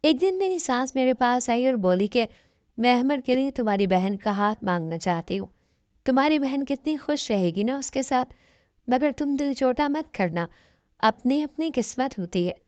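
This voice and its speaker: A woman reading a first-person story aloud as a steady, even scripted narration. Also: high voice, normal speed, no room sound, muffled recording.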